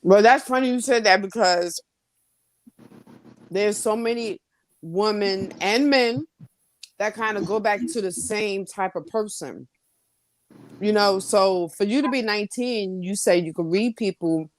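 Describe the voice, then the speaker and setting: A woman's voice: mid-range voice, measured pace, pauses often. A woman podcast host asking probing, supportive follow-up questions and sharing her own experience.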